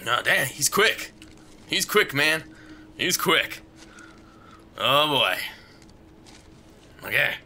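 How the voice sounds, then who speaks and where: A man's voice: on the high side, sing-song, very slow, creaky, pauses often, bright, forceful tone, slight background noise. A man giving let's play commentary on a horror game, muttering to himself and yelping at every scare. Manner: jumpy, yelps and screams at scares. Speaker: gamer playing a horror game.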